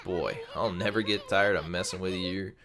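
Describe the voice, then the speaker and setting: A man's voice: low-pitched, fairly even intonation, moderate pace. A man voicing a cheeky, brash tiny male wandering artist in a video game, with a teasing manner. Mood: cocky.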